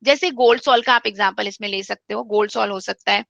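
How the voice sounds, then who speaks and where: A woman's voice: mid-range voice, steady tone, fast, gravelly, fairly bright tone, no echo, dull audio. A woman teaching a chemistry class online, explaining step by step, repeating key points and mixing English terms into her speech.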